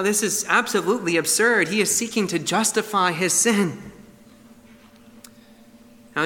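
A man's voice: high-pitched, pushed and bright, big-room sound. A man preaching an expository sermon in an earnest, emphatic way.

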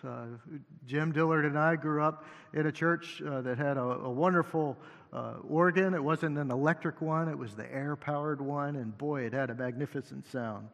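A male associate pastor preaching a sermon at a pulpit microphone in a church sanctuary, unhurried and halting with many fillers, joking gently now and then. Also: fairly high pitch, vocal fry. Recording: long hall reverb.

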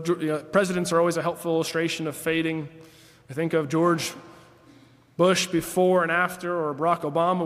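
A man in his late thirties preaching an earnest sermon in a high, bright-pitched voice. He reads scripture aloud and climbs higher on the phrases he wants to land. His words ring out with a long, lingering reverb, as in a large church sanctuary. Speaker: pastor.

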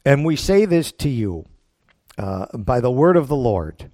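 A man preaching a Bible-teaching sermon in a folksy, plain-spoken way, emphatic, with deliberate pauses and rhetorical questions. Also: mid-range voice, very animated, warm tone, no room sound, clean studio sound.

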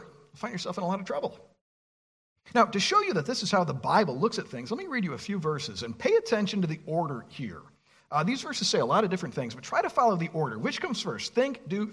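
Male pastor, sermon delivery; husky, slightly high voice with a very lively pitch that swings up on questions. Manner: animated preaching, reads scripture aloud, rhetorical questions.

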